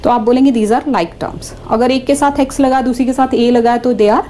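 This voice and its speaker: A woman's voice: on the high side, fairly even intonation, moderate pace, dark tone, a little hiss or hum. A woman teaching a maths class, explaining each step and speaking directly to the students. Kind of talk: classroom lesson mixing Hindi and English.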